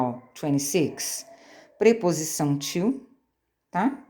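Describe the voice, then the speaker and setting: Brazilian woman English teacher, lowish warm voice, patient step-by-step explainer, phone-recorded lesson. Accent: Brazilian Portuguese. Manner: explanatory, spells out letters, frequent tag questions. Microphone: phone screen recording.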